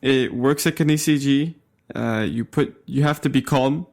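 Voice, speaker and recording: Young man from Canada, relaxed podcast co-host, mid-pitched voice, casual and unhurried. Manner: relaxed, easygoing, laughs along. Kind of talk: casual tech podcast banter.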